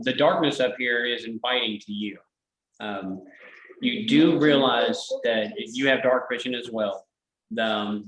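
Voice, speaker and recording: A man's voice: mid-range voice, a bit bright, roomy sound, poor audio. A man running a tabletop game as game master, describing scenes in a hesitant way with many fillers.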